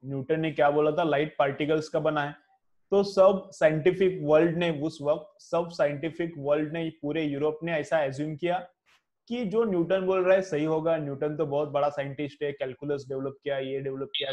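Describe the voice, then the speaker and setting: Indian man teaching, higher pitch. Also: darkish tone. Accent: Indian English. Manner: asks questions and answers them himself, slow dictation. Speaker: physics teacher. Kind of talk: classroom lecture with dictation.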